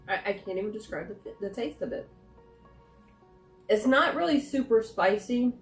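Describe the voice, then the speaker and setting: A woman chatting casually through a food taste test, rambling and thinking aloud as she goes. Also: mid-range voice. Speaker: snack reviewer. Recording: roomy echo, faint music.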